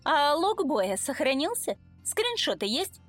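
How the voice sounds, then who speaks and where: A woman voicing a quiet, sly young male intern who is a gamer. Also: high-pitched, big pitch swings, unhurried, faint music behind, pitched above the performer's own voice, heavily acted. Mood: knowing. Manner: quiet, matter-of-fact.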